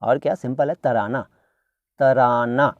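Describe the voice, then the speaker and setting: A man's voice: medium pitch, steady tone, takes it slowly, dry recording, muffled recording. A man giving a casual, playful vocabulary lesson, repeating words to correct their pronunciation. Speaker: Hindi-Urdu language teacher.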